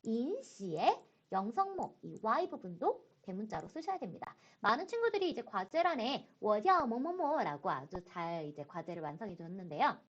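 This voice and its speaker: A woman teaching high school Chinese in an online lecture, slowing down to model phrases and stressing key points. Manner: slow, careful model pronunciation of Chinese phrases; lively, rising emphasis on key points. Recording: dull lo-fi recording.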